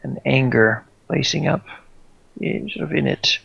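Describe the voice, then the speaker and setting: A male game master improvises descriptions in a halting, slow way. His voice is creaky, on a slightly dull, dry recording. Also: medium pitch, dry recording. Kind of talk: improvised tabletop game narration.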